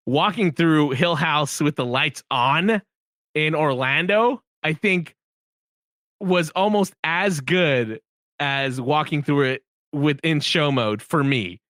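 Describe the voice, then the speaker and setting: A man's voice: a little high, fairly bright tone, dry recording, clean studio sound. A young man as a podcast guest, chatting animatedly and emphatically, laughing often. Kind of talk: casual podcast chat.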